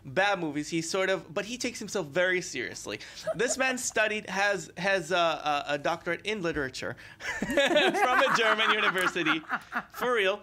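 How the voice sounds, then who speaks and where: A man's voice: high voice, big pitch swings, moderate pace, sharp tone. A man on a news channel chatting about films, sarcastic, with many fillers. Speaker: culture correspondent. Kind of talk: casual news chat.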